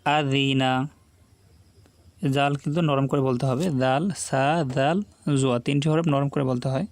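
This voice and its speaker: A man's voice: medium pitch, steady tone, moderate pace, darkish tone. A man teaching Quran reading, reciting words syllable by syllable, repeating each one, and explaining pronunciation. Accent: Bangladeshi. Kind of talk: slow recitation lesson with explanations.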